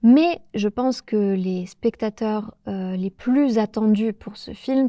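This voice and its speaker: A young French woman hosting a podcast for learners, talking slowly and carefully with small pauses. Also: mid-range voice, mellow, no room sound, studio quality. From France. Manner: slow, careful, with pauses and hesitations. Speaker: podcast host teaching French. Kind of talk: clear, measured solo talk for learners.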